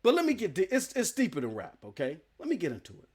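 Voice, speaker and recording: A man hosting a live gaming news stream, firing off rhetorical questions and slang in a fervent rant. His voice sits high and swoops up and down with energy. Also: wildly swooping pitch, fast talker, a little mellow, breathy edge.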